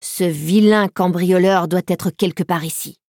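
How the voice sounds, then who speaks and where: A woman's voice: on the low side, fairly even intonation, a little slow, a little mellow, no echo, clean studio sound. A woman voicing a bold young male puppy who acts as the leader of the pack, in an eager, commanding manner.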